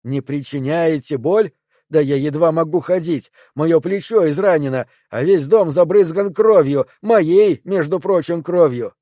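A paranoid, enraged man who rants at the creatures inside his body in a raised, loud voice, as a narrator puts him on. The timbre stays warm and mellow, recorded dry and close. It is a dark audiobook thriller. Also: fairly high pitch, moderate pace, dry recording, lightly acted. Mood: raging. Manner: raised, angry, ranting. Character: Perry, infected man, raging and paranoid.

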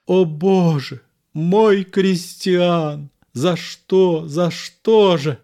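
A man reading a play aloud and voicing a passionate young noblewoman, pleading and tearful with a raised pitch. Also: takes it slowly, darkish tone. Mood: grieving.

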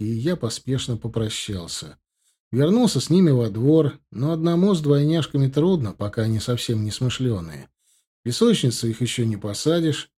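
A man's voice: mid-range voice, warm tone. A man narrating an audiobook in the first person, reflective and conversational.

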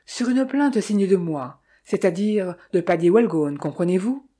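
A woman's voice: mid-range voice, expressive, normal speed, warm tone, natural voice. A woman reading as a worried young clerk. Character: young male clerk, worried amateur detective. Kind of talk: audiobook dialogue reading.

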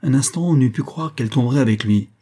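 In a mid-range voice, an audiobook narrator reads a literary story from a script. His storytelling is measured and even.

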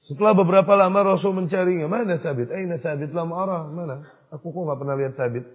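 A male preacher delivers a sermon in a somewhat high, husky voice, telling stories and acting out the dialogue between figures. He swings between quiet asides and loud, emphatic peaks. The recording sounds dull and lo-fi, with a long hall reverb behind him. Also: quick pace. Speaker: Islamic preacher.

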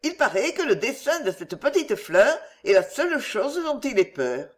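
A man's voice: sits high, big pitch swings, slow, exaggerated voice. A man voicing a cheerful, curious young French girl in an audiobook, playful in tone.

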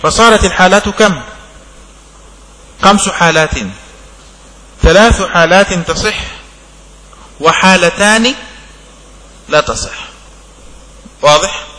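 A man teaching a religious law text in a classroom lesson, speaking in slow, broken-up phrases and checking understanding with short questions. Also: high-pitched, bright, forceful tone, long reverb tail, low-quality recording. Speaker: sheikh teaching a fiqh text.

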